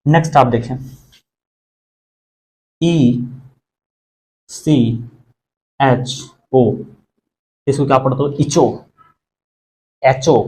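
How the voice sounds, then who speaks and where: A man's voice: mid-range voice, darkish tone. A man teaching English pronunciation, asking questions and repeating words to drill them. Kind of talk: bilingual classroom lesson.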